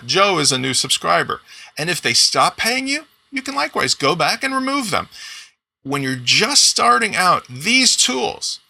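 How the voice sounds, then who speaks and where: A man in his forties giving an upbeat, enthusiastic walkthrough of payment software in a screen-recorded tutorial. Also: a little high, creaky. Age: 40s. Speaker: software demo presenter.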